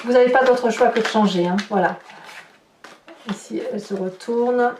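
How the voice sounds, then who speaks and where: This tarot reader and channel host has a fairly high, darkish voice and a moderate pace. She chats with viewers through an informal reading, voicing hesitant thoughts aloud, while a distant mic adds roomy echo and noticeable hiss.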